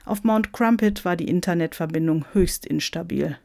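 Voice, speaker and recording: Woman narrating a story, low and dry. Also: moderate pace, gravelly, darkish tone, dry recording. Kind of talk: storybook reading.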